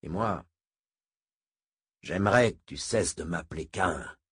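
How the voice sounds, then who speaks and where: A man playing a terse old masked mutant scout in an audiobook, speaking low and clipped through a deep, deeply husky voice. He sounds guarded and spare with words. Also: takes it slowly, heavily acted.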